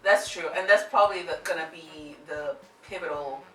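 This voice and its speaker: A woman's voice: low-pitched, normal speed. A woman co-hosting an anime reaction, explaining characters in an earnest casual chat. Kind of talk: casual group discussion. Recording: roomy echo, mic at a distance.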